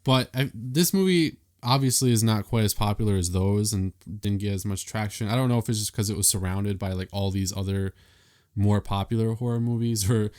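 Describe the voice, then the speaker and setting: Laid-back low-voiced man chatting. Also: a little fast, a little mellow. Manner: laid-back, laughs often, swears casually. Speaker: podcast co-host. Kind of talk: casual horror film review chat.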